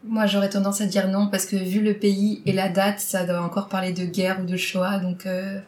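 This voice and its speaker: A woman in her thirties, a podcast guest, speaking frankly and giving quick opinions. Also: mid-range voice, flat delivery, darkish tone, echoey room. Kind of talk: casual podcast chat.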